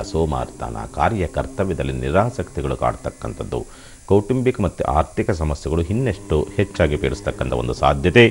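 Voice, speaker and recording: Man astrologer on tv, super low voice, calm reassuring tone, reels off predictions one after another. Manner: soothing, reassuring counsel; steady listing of predictions. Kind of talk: call-in horoscope advice.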